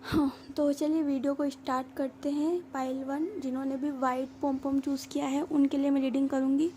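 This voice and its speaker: A woman's voice: sits high, level tone, normal speed, slight background noise. A woman doing a casual, chatty tarot reading straight to her viewers, reassuring and loose with filler sounds. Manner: voice comes out somewhat quiet. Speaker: tarot reader.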